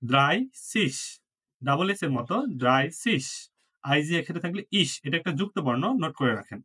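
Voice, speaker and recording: A man's voice: medium pitch, animated, brisk, sharp tone, husky. A man whose first language is Bengali teaches a German class, patiently repeating words and drilling pronunciation while mixing in English. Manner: mixes English words into his talk. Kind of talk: classroom lesson.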